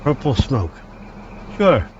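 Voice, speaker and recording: Very animated yet halting, a Hungarian man, Hungarian by first language, comments on his train simulator gameplay at mid pitch, restarting often and walking through each control. The track is dull and lo-fi, with a faint engine hum.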